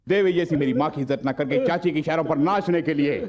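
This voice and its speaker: A man's voice: a little high, fast talker, darkish tone, muffled recording, close to an everyday voice. An actor dubbing a bold young man who scolds and punishes his elders in a stern, lecturing way. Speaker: hero in a dubbed film. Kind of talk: Hindi film dubbing.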